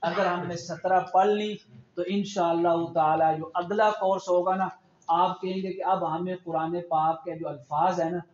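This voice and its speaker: A man teaching a religious class with a Pakistani Urdu accent, slowly drilling Arabic sounds and repeating them for students. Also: high voice, fairly even intonation. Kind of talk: tajweed pronunciation lesson. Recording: roomy, dull lo-fi, loud hiss.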